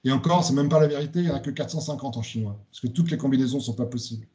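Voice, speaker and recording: A man's voice: mid-range voice, steady tone, racing, warm tone. A man giving a spoken lecture presentation, hesitant, with many fillers and restarts.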